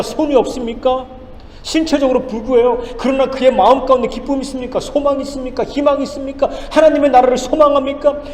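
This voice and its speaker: A male pastor preaching a sermon, firing off rhetorical questions and swinging between loud and hushed lines. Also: very high-pitched, slight background noise. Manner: emphatic, rhetorical questions, dramatic swings in loudness. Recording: echoey church hall with faint ambience.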